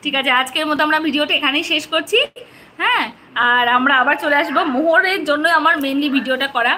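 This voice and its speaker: A woman's voice: high-pitched, quick pace, bright, forceful tone. A woman, a mother vlogging at home on her phone, coaxing and teasing her small son in a sing-song voice. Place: at home indoors.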